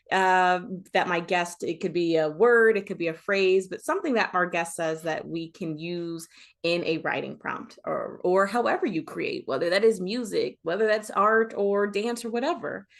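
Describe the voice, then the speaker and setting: A woman's voice: lowish voice, moderate pace, vocal fry. A woman hosting a podcast, wrapping up an interview in a friendly, conversational way. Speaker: podcast host. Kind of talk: casual interview.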